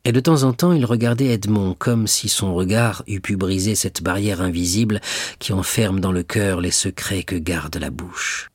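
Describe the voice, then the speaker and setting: Guy reading a novel aloud, breathy voice, super dry close mic, measured. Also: sits low, dry recording. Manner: measured, literary delivery. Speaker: audiobook reader. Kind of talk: scripted narration.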